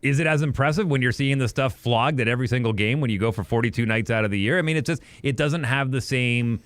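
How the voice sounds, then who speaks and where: In a dry recording made in an apartment studio, a podcast co-host from Western Canada talks sports casually, wandering into memories and tossing off quick asides. He has a mid-range, fairly bright voice.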